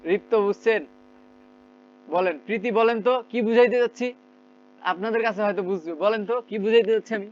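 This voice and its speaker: A man's voice: sits high, quick pace, long pauses. A man from Bangladesh teaching a spoken English class online, correcting students and having them repeat sentences. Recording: slightly muffled, faint background noise.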